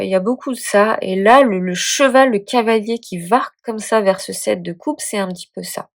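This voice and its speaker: A sniffly woman with a cold talks through a tarot reading at a slow, unhurried pace. She thinks aloud, hesitating and restarting as she searches for words. Her voice sits at an ordinary middle pitch. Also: gravelly. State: sick, sniffling. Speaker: tarot reader and channel host. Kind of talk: casual spoken tarot reading.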